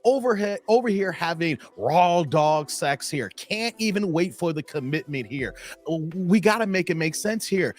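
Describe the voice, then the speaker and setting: Preachy male reaction host. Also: fairly high pitch. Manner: preachy, repeats "here" at phrase ends. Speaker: commentary host reacting to a call-in show. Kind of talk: reaction commentary.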